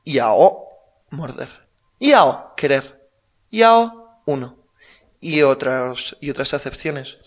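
A man's voice: mid-range voice, animated. Patient male language teacher, lo-fi. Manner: patient, drills pronunciation slowly. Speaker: Chinese teacher. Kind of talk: language lesson.

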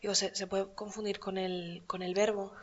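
Female student, tentative and soft-spoken, muffled recording. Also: medium pitch, flat delivery, normal speed. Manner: quiet, tentative, checks understanding. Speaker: learner. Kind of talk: language lesson.

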